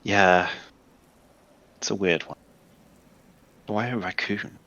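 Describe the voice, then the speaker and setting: Deep gravelly guy playing his character at a tabletop game, wry and rambly, kinda bright tone. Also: steady tone, slow, muffled recording. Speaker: player. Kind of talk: in-character tabletop role-play.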